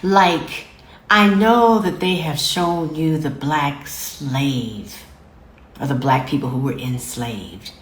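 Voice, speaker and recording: A woman's voice: low-pitched, reverberant, a little hiss or hum. A woman hosting her own show, lecturing her viewers directly in an affectionate but firm way and repeating phrases for emphasis. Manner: affectionate yet lecturing, calls listeners babies and fam. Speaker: host. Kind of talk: direct-to-camera commentary.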